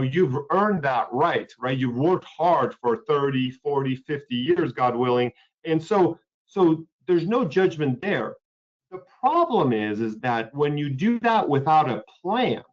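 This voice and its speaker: A man hosting a webinar on practice planning, talking loosely and conversationally, with frequent fillers and repeated words. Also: a little high. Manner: rambling, repeats words and uses many fillers. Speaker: webinar host, healthcare lawyer. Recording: dull lo-fi webinar audio.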